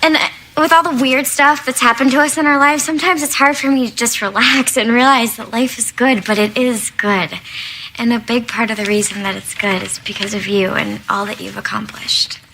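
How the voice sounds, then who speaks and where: A woman's voice: fairly high pitch, fairly even intonation, normal speed, pushed and bright, a little hiss or hum. An actress playing a bubbly, earnest woman in a sitcom, fussing over party plans. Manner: eager, fussy, earnest. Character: bubbly, eager-to-please woman. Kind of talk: multi-camera sitcom acting.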